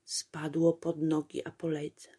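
A woman reading a children's fairy tale aloud in a gentle storytelling cadence. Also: low-pitched, monotone, slow, husky.

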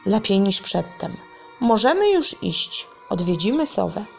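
A woman's voice: mid-range voice, big pitch swings, measured pace, vocal fry, soft background music. A woman voicing a boisterous, boastful male tiger who bounces about and exclaims made-up words, for a children's story. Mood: bouncy.

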